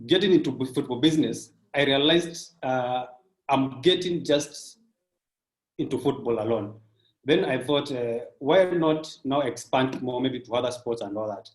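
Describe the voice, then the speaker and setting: A man in his thirties, working in sports business, speaking in a measured, reflective way with frequent fillers during a casual interview. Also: mid-range voice. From Kenya. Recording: roomy echo.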